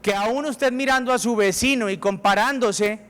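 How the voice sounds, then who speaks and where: A man's voice: sits high, normal speed, fairly bright tone. A man with a Colombian accent preaching a sermon as pastor, emphatic and acting out prayers to God. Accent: Colombian Spanish. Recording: reverberant hall.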